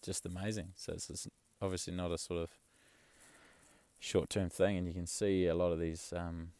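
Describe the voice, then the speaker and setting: A young man chatting casually in a vlog, rambling and relaxed, swearing offhand. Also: deep voice, moderate pace, smooth, no room sound. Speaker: travel vlogger. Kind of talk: casual chat.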